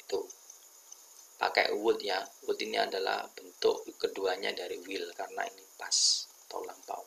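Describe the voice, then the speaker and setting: A man with a very low, heavily gravelly voice gives a relaxed spoken grammar lesson. He reads example sentences aloud slowly and deliberately, then explains them plainly. His tone is bright and forceful, with a faint hiss of noise in the background. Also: low-quality recording. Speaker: English teacher.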